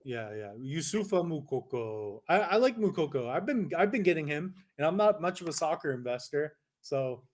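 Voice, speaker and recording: A young Canadian man co-hosting a casual live stream, talking in an animated, argumentative way with many restarts. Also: on the high side, brisk, hardly any pauses. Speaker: co-host.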